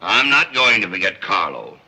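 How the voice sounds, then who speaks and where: Exasperated, forceful screwball comedy father. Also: lowish voice, sing-song, moderate pace, full character voice, poor audio. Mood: dry sarcasm. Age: middle-aged. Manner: blustering, sardonic. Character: exasperated, blustering wealthy family father. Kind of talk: 1930s screwball comedy film banter.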